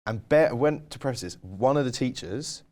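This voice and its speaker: A man's voice: mid-range voice, lively intonation, normal speed, darkish tone. A young man, co-hosting a podcast and telling rambling stories full of "like" and "um". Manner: rambling, filler-heavy storytelling with lots of "like" and "um". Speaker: podcast co-host. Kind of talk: casual storytelling chat.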